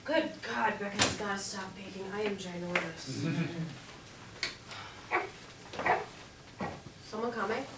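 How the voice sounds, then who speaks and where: A woman's voice: medium pitch, close to an everyday voice. A woman playing a blunt, teasing young pregnant woman, heard from afar in an echoey room. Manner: blunt, wry, quick to tease. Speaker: stage actor. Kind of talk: stage play performance. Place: theater stage. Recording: echoey room, far-off mic, noisy.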